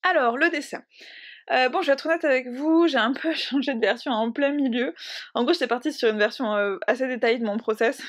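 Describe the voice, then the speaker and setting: A woman chatting casually to camera as a book and art vlogger, bubbly and rambling, correcting herself as she goes and laughing often. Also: medium pitch.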